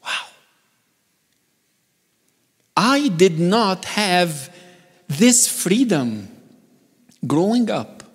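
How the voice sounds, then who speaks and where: Male guest preacher, high voice, playful asides that rise to urgent calls, church reverb. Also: sing-song, extremely slow, slightly rough. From Egypt. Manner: joking, building to emphatic urgent calls. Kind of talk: sermon. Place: church sanctuary.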